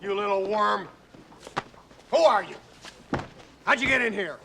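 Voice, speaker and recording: A shouting, hot-tempered TV boss. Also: male voice, high voice, lively intonation, unhurried, gravelly, full character voice. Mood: angry shouting. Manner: shouting, barking orders. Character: harried, irritable male TV executive. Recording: noisy film soundtrack clip.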